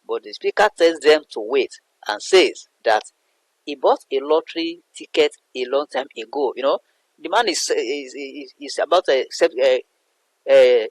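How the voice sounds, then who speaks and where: A Nigerian literature teacher with a fairly high voice explains a poem, repeating and rephrasing his points in a didactic lesson. The recording is rough but has no echo.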